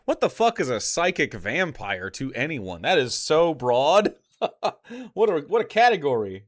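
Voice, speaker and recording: A streamer reacting to a video gives casual, argumentative live commentary that is blunt, sarcastic, and full of swearing. His voice is slightly high, sing-song, and a little slow.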